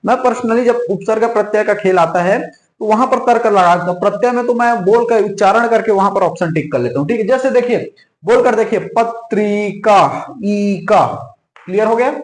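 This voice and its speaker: A man's voice: high voice, a little fast, roomy sound, poor audio. A man teaching an online exam-prep class, repeating key points over and over and checking in constantly with the students. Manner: repetitive, drills points with frequent "theek hai".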